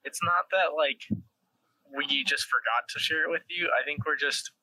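Male game player, sharply bright, dry close sound, casual chat. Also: fairly high pitch, normal speed, no echo, poor audio.

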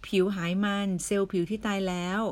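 A woman giving a casual, persuasive sales pitch for beauty products, chatty and full of questions for the listener. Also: level tone, fairly quick. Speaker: beauty product seller recruiting members.

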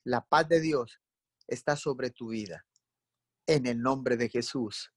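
A man's voice: medium pitch, slow pace, dry recording. A man leading a fervent live prayer, calling on the Lord between every phrase.

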